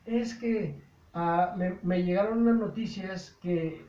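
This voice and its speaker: A man voicing a grieving royal cupbearer in a plaintive, halting way. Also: sits high, warm tone, distant mic. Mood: sorrowful. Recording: roomy dull lo-fi recording.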